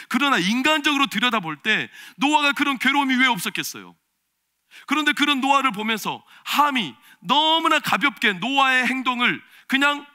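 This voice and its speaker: Bright-voiced preaching pastor, man. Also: very high-pitched. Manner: swings between loud emphatic preaching and quiet confiding storytelling. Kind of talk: sermon. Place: church sanctuary.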